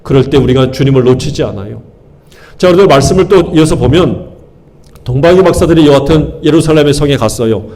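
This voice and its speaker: A man's voice: mid-range voice, animated, fairly quick, warm tone. A male pastor preaching a sermon, firing questions at his congregation and hammering key words through repetition. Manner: call-and-response questions to the congregation, emphatic repetition.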